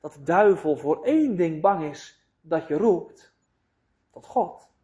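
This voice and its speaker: A man preaching a sermon in a deliberate, emphatic way, with rhetorical questions to his listeners. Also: a little high, animated, warm tone.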